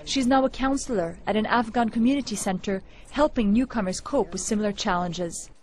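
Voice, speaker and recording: A woman reporter reading a scripted news narration in a measured, clear delivery. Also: mid-range voice, a little mellow.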